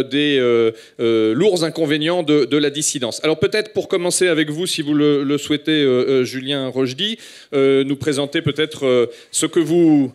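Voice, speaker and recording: A man with a French accent moderating a panel, introducing guests with frequent hesitations. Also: a little high. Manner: halting, many hesitations.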